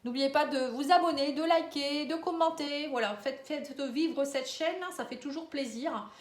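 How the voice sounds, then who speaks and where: High-voiced woman reading cards. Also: moderate pace, echoey room. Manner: hesitant, frequent euh and hein fillers. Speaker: tarot reader. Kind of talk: casual card-reading guidance.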